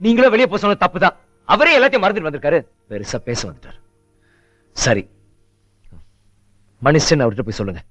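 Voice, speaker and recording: A man's voice: on the high side, lively intonation, quick pace, long pauses, fairly bright tone. An actor playing an earnest young grandson who coaxes and pleads with his grandfather. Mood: reproachful. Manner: coaxing, emotional. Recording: film audio with music.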